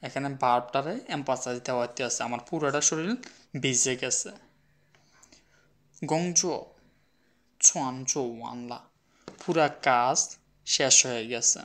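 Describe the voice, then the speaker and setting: A man's voice: mid-range voice, measured pace, long pauses, fairly bright tone. A man teaching a language class, explaining words step by step and repeating examples with questions to his students. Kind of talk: spoken language lesson.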